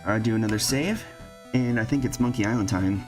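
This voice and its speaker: A male streamer chats casually while playing, narrating his thoughts and laughing at his own slips. His voice is on the low side. Game music runs steadily behind him. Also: fairly quick, a little mellow. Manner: chatty, thinking aloud, laughs often. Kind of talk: casual gameplay commentary.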